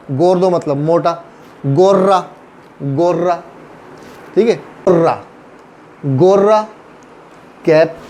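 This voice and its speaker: A man's voice: high voice, dark tone, slight background noise. A man with a Pakistani Urdu accent teaching a language lesson, saying each word over and over for practice. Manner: slow, repeats words over and over for drill.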